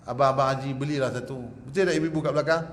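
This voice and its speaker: A man preaching a religious lecture in a mosque prayer hall. He is lively and joking, often asks the audience to agree with him, and ends with a prayer. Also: mid-range voice, rapid-fire. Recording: echoey hall with faint background hum.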